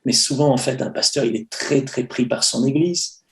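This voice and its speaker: Gravelly-voiced French man, hesitant. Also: mid-range voice, normal speed. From France. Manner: hesitant, many fillers and restarts. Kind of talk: casual conversational sharing. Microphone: video call.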